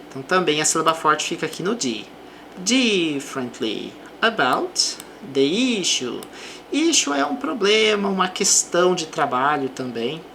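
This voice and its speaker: Brazilian woman language teacher, unhurried and patient delivery, lively pitch. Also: creaky, slight background noise. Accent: Brazilian Portuguese. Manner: reads English example sentences slowly, then explains in Portuguese. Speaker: English teacher. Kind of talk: slow explanatory language lesson.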